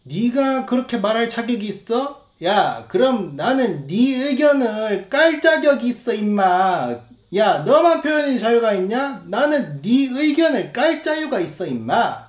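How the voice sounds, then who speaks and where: A man voicing a hostile male online commenter who mocks and shouts insults, in an echoey room. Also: very high voice, sing-song, pitched above the performer's own voice, heavily acted. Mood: jeering. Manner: mocking, shouting insults, drawn-out words.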